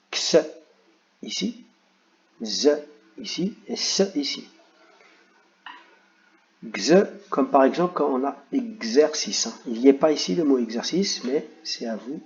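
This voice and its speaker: A man's voice: mid-range voice, dull audio. A man teaching young children, patiently walking them through worksheet exercises and speaking to them directly. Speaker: primary school teacher.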